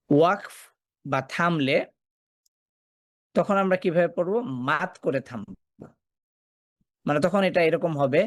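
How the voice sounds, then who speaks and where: A man's voice: on the high side, no echo. A man teaching a Quran recitation class, asking his students questions, answering them himself and repeating key points. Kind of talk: classroom lesson.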